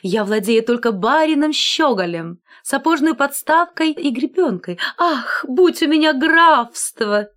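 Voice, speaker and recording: A woman's voice: on the high side, animated, moderate pace, few pauses, pitched above the performer's own voice, natural voice. A woman voicing a vain, boastful male shirt collar who flirts and brags in a gushing way. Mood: fawning.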